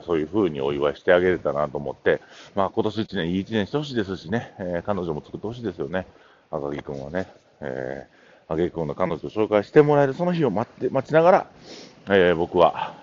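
Man, Kansai accent, middle-aged, chatty solo talk, lively pitch, faint background noise. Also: highs cut off. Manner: chatty, meandering storytelling. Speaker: podcast host.

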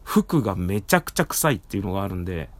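A man with a hoarse, worn-out throat chatting casually on his own as a podcast host, speaking slightly muffled through a face mask. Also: deep voice, very animated, fast, no room sound. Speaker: podcast host and live streamer. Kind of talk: casual solo talk. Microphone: recorded through a face mask.

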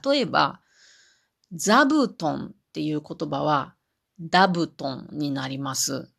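A woman's voice: deep voice, big pitch swings, takes it slowly, vocal fry, a bit bright, slightly rough. A woman talking on her own in a chatty, explaining way, amused by her examples. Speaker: podcast host. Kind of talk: solo podcast talk.

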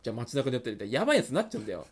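A man co-hosting a casual chat podcast, teasing his friend in quick banter. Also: medium pitch, sing-song, breathy edge. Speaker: podcast co-host.

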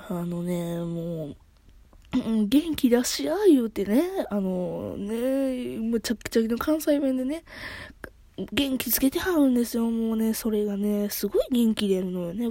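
A middle-aged woman with a Kansai accent hosts a casual solo podcast, chatting and rambling while correcting herself. Her voice is mid-range and mellow, with no echo.

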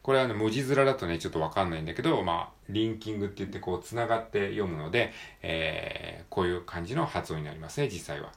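A Japanese man with a low voice and a gravelly, creaky edge talks calmly through English pronunciation. He explains a point, then reads practice words and phrases slowly, drawing each sound out with emphasis. He has a strong Japanese accent. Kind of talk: solo read-aloud practice with commentary.

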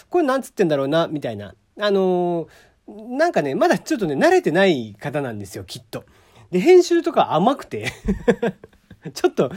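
A man's voice: fairly high pitch, darkish tone. A man from Kagoshima hosting a casual solo podcast, chatty, laughing often and using many fillers. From Kagoshima, Japan. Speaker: podcast host.

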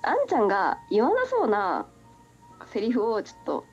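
A woman's voice: fairly high pitch, wildly swooping pitch, moderate pace, dull audio, faint music behind. A woman hosting a casual chat. She giggles a lot and teases her guest playfully. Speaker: podcast host.

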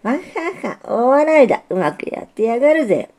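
A woman voicing a big, gruff, jovial old warehouse in a storybook reading, booming and teasing. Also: very animated, fairly quick, darkish tone.

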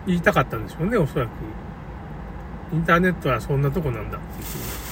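A slightly high-voiced man recounts a local flood in a loose, rambling, opinionated monologue with no script, his intonation swinging widely up and down. He seems to stand some distance from the mic, and vehicle and street noise come through clearly.

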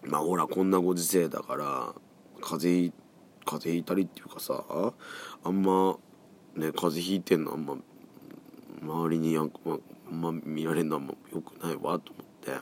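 A hoarse man around forty with a cold, hosting a casual solo podcast, chatty and rambling, often letting his voice drop and trail off. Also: sits low, flat delivery, normal speed, a little hiss or hum. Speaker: podcast host.

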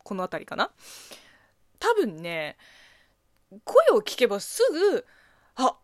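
A Chinese woman with Chinese as her first language hosts a casual listener-mail radio show. Her voice sits a little high but swings widely, with a slightly husky, boyish edge. She laughs often and pokes fun at herself, heard close up in a dry room. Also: wildly swooping pitch, takes it slowly, no room sound. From China. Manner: giggly, laughs often, self-deprecating.

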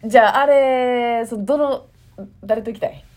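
A woman's voice: on the high side, a little mellow. A young woman comedian with a Kansai accent, chatting casually and joking with her partner. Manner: chatty, joking, quick back-and-forth. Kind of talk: casual chat.

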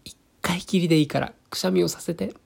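A man voicing a greedy, timid little baby bird who pleads in a high, plaintive voice. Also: normal speed, close to an everyday voice. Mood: pleading.

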